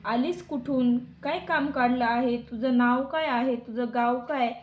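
A woman voicing a timid young palace maid who speaks quietly and cautiously. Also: high-pitched, measured pace. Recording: dull lo-fi recording.

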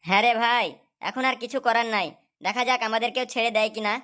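A woman's voice: fairly high pitch, steady tone, fast talker, fairly bright tone, lightly acted. A woman voicing an anxious young man, a farmer's son, in a cartoon. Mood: worried. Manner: anxious and complaining.

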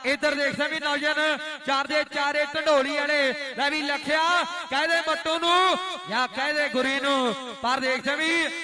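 A man's voice: extremely high pitch, steady tone, moderate pace. A man with a Punjabi accent delivering frantic, declamatory live rural sports commentary in rhythmic stock phrases. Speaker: kabaddi match commentator. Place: outdoor village sports ground. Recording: outdoor PA with loud crowd noise.

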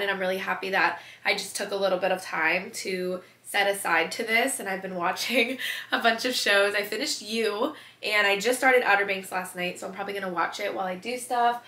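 This lifestyle vlogger, a woman in her twenties, chats cheerfully to a close-up camera as she tidies the closet in her small bedroom. Her voice sits in the middle range with a sharp edge, and the room gives it an echo. The narration is loose and chatty, full of "like" and "literally."

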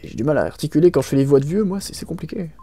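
Young male let's player: sharp, slightly high voice, joking, slangy, rambling game commentary. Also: expressive, racing, dry recording. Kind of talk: casual gaming commentary, reading dialogue aloud. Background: faint game music.

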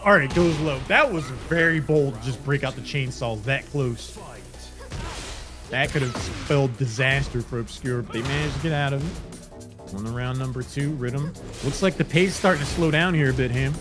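A man with a medium-pitched voice speaks at normal speed, giving casual live commentary on a fighting game match as an esports tournament commentator. He banters and uses slang, with music playing behind his voice.

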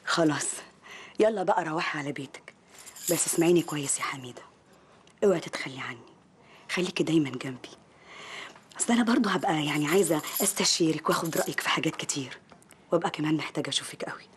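Actress as a determined Egyptian woman mayor: very fast, low-set voice, urgent. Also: slight background noise, lightly acted. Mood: soft whisper. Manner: urgent, pressing. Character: determined young woman mayor, fond of her friend. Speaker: village mayor. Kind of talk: TV drama acting.

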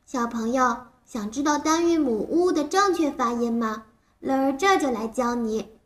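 High-pitched little cartoon creature, toddler teacher. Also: female voice, lively intonation, moderate pace. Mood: playful, teaching. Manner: simple, exaggerated, encouraging talk, as if reading to a toddler. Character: little pink cartoon creature Le'er, cheerful child-like phonics teacher. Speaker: children's phonics teacher. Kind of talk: animated lesson for small children.

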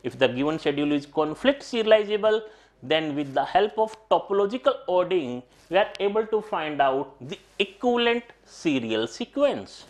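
A middle-aged man teaches an exam-prep lecture at a digital whiteboard in a studio classroom. His voice is a little high and sing-song at a moderate pace. He repeats key points and often speaks directly to his students.

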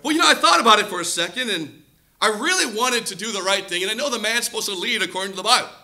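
High, sharp-voiced male preacher. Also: rapid-fire. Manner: animated, acts out quoted voices, shouts for effect. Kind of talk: storytelling sermon.

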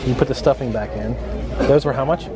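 Guy from central florida shopping and calling out prices, loud crowded store behind him. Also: medium pitch, fairly quick, a loud crowd, very noisy. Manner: reads out prices, joking. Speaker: vlog co-host. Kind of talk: casual shopping chat. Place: busy indoor store.

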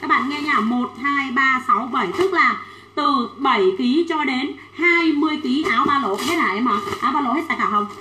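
A woman selling children's clothes on a livestream, chatting quickly and reading out sizes and buyers' names. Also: high voice, sharp tone, reverberant, a little hiss or hum, rough recording. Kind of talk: fast livestream sales pitch.

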